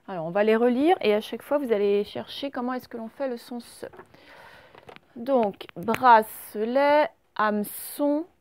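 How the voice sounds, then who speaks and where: A woman teacher giving a recorded reading lesson to young children, sounding out each word slowly and patiently. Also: medium pitch, vocal fry, warm tone, dry recording. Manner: slow, carefully sounded-out words. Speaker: primary school teacher.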